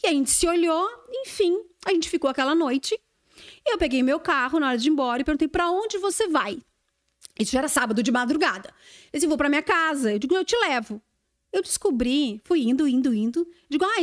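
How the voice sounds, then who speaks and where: Woman, high pitch, swooping intonation, casual storytelling podcast guest. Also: a little fast. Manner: animated storyteller who acts out quoted dialogue.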